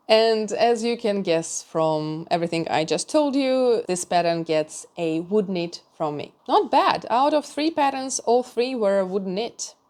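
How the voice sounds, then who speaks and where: A woman's voice: medium pitch, a little mellow. A woman knitting vlogger giving a chatty, candid review of knitting patterns, with small laughs and restarts.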